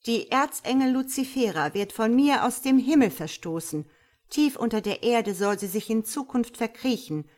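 A woman's voice: medium pitch, big pitch swings, a little slow. A woman reading a storybook aloud and voicing a stately, commanding female God.

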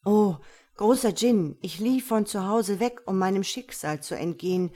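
A woman voicing a humble, unlucky young man, speaking loudly and emotionally in a storybook reading. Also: mid-range voice, expressive, unhurried. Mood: pleading.

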